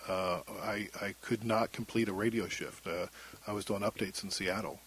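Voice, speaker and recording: A middle-aged man with a thin, husky voice, speaking haltingly and reflectively as he tells his own story in an interview. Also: fairly low pitch, steady tone, a bit bright, a little hiss or hum. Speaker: interview guest, former radio broadcaster. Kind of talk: candid personal interview.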